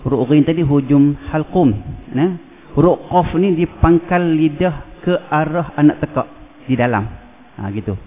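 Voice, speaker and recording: A man's voice: on the high side, measured pace. A man with a Malaysian Malay accent teaching Quran pronunciation in a mosque lesson, sounding out letters and syllables again and again and chanting short verses, with many "ha" and "nah" fillers. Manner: fills speech with "ha", "nah", "gitu". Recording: tinny, phone-like lo-fi sound.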